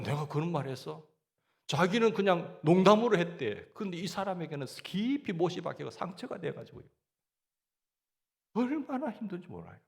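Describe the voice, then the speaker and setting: A man preaches a sermon as a pastor in a Gyeongsang Korean accent, posing questions to the congregation and answering them himself. His voice is a little high.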